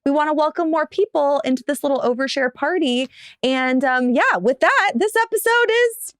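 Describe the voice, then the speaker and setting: A woman's voice: high-pitched, moderate pace, dry recording, clean studio sound. A young woman from the United States co-hosting a podcast, chatting in a bubbly, gushing way with lots of fillers. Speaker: podcast co-host. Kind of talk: casual chat.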